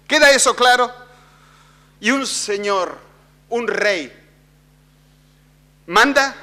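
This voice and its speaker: A man preaching a sermon, asking the congregation questions and swinging between hushed storytelling and loud emphasis. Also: extremely high pitch. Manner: asks the congregation rhetorical questions. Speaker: pastor.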